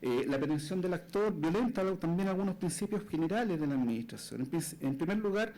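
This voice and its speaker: A man, a lawyer making a formal oral argument before a court, measured, often tagging his phrases with a questioning "right?". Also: high-pitched, animated, a little mellow, poor audio.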